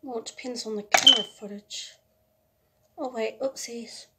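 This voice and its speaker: A young adult woman hosts a home food challenge video, chatting casually in short, halting remarks while she prepares and eats food at a kitchen or dining table indoors. Her voice is a little high with a steady tone. It's captured on a phone propped at arm's length, and the recording is very noisy with clicks.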